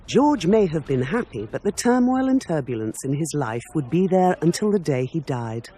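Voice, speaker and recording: Measured male documentary narrator. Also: fairly high pitch, sing-song, dark tone, slightly rough. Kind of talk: scripted narration.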